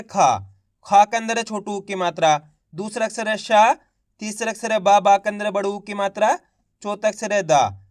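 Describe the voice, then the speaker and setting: A man teaching children to read, sounding out each syllable and then stretching the whole word slowly, with a coaxing teacher's tone. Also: sits high. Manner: coaxing teacher tone addressing viewers as friends. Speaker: Hindi reading teacher. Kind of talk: slow drawn-out reading lesson.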